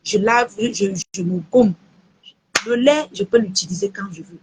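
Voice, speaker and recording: A woman's voice: mid-range voice, unhurried, background noise. A woman chatting casually on a live stream, answering viewer messages and quoting prices.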